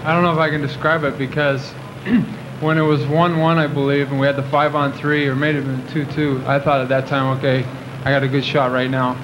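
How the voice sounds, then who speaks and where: A man's voice: medium pitch, level tone, fairly quick. A young man in his twenties answering questions after a game. He rambles, with many fillers and restarts. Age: 20s. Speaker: athlete at a post-game press conference. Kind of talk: post-game press conference answers. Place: press conference room. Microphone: table microphones at the podium. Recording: noisy old video recording.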